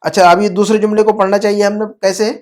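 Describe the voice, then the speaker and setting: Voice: mid-range voice, level tone, darkish tone. An Arabic teacher explaining pronunciation in an online class, repeating words patiently, checking understanding often and mixing in English terms.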